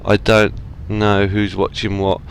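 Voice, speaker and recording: A man's voice: fairly low pitch, monotone, unhurried, creaky, slight background noise. A man chatting casually through a trucking game, rambling and apologizing with self-deprecating asides. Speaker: gaming channel host. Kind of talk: casual let's-play commentary. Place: home gaming setup.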